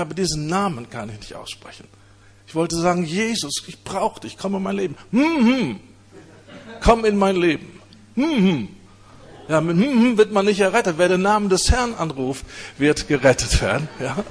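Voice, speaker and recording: A man preaching, telling his own conversion story in an earnest, halting way. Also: on the high side, husky. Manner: earnest storytelling with many hesitations. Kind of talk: testimony sermon.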